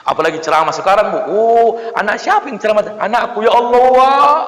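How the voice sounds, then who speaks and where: Man, comic preacher, acts out voices, bright tone, long hall reverb. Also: high-pitched, brisk. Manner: lively, acts out voices of villagers, jokes with the audience. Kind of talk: humorous sermon to a congregation. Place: mosque hall.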